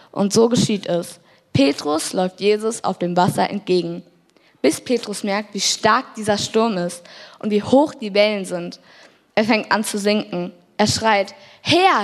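A woman reading a Bible story aloud in a plain, even storytelling voice. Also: medium pitch. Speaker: scripture reader.

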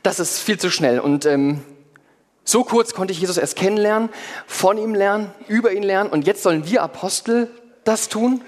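Male preacher, slightly high voice, lively sermon in role as an apostle, long church reverb. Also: normal speed. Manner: lively, playful asides to the congregation. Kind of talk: sermon told in first person as one of the apostles. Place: church hall before a congregation.

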